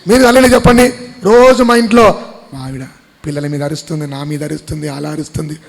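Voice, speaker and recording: A man's voice: a little high, fast, vocal fry, long reverb tail. A man preaching a Sunday sermon in church, firing rhetorical questions at the congregation and repeating his phrases. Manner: quizzes the congregation. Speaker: pastor.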